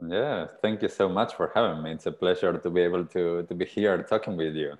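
A man's voice: sits low, fairly quick, darkish tone, highs cut off. A man in his thirties from Argentina, a podcast guest telling his story in an earnest, reflective way over a video call with earphones. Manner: earnest, reflective, gestures while talking. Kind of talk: casual interview storytelling. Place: small indoor room. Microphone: earphone headset on a video call.

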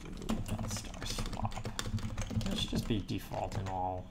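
A man's voice: sits low, steady tone, slow, vocal fry, very noisy. A man livestreaming himself programming, explaining code in casual commentary with rambling, muttered asides, close on a desktop microphone. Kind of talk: casual live-coding commentary. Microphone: desktop USB microphone. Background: faint keyboard typing.

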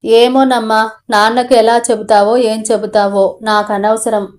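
Storybook: woman voicing a sulky, insistent young man, read a little high. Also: little pitch movement, a little slow, natural voice. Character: stubborn young man in love, hot-headed son.

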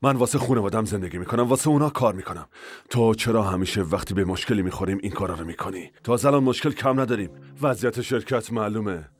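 A man's voice: on the low side, natural voice. A man dubbing an exasperated older brother pleading about family and business in a TV drama. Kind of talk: Persian dub of a TV drama.

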